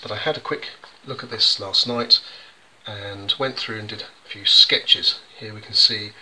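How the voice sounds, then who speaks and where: A man's voice: lowish voice, fairly even intonation, measured pace, bright, forceful tone, slight background noise, poor audio. An English man, a children's poet, chatting through how he illustrates his poems, with many ums and restarts. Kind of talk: casual explanatory demonstration.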